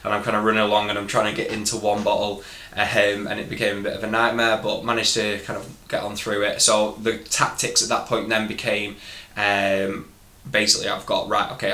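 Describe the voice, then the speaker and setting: A northern English man with a lowish, sharp-toned voice vlogs to camera in a roomy, echoing space. He tells his story casually and candidly, with a touch of hesitance, in a Northern English accent.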